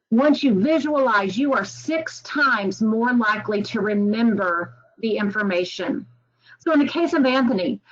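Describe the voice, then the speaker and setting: A woman who is an education executive, giving an earnest, emphatic presentation to volunteers. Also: a little high. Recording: dull lo-fi recording.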